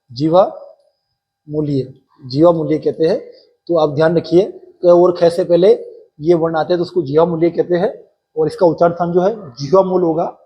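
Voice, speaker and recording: A man's voice: on the high side, slightly rough, highs cut off. A male teacher explaining a Sanskrit grammar lesson for exam preparation, going step by step and quizzing his students with repeated questions.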